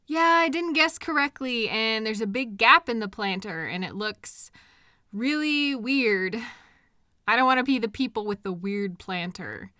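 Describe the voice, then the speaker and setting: Voicing a caring partner in an intimate comfort roleplay, this performer speaks with a slightly high voice, lighthearted and chatty in mood. Her tender, expressive delivery, full of soft pauses and questions, is aimed straight at the listener as a gently indignant woman soothing her upset partner. A close mic in a dry room gives clean, echo-free studio sound.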